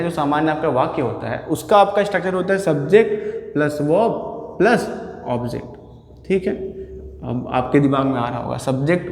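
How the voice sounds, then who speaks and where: High-ish guy teaching grammar to students, asks then answers his own questions, big echoey hall. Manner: keeps checking in with the class. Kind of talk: classroom lecture. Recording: echoey hall with long reverb.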